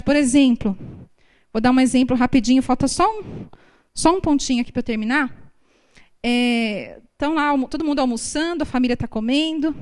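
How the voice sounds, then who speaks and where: A woman's voice: high-pitched, a little mellow. A woman with a Brazilian Portuguese accent giving a sermon at a prayer group, speaking conversationally and acting out family dialogues.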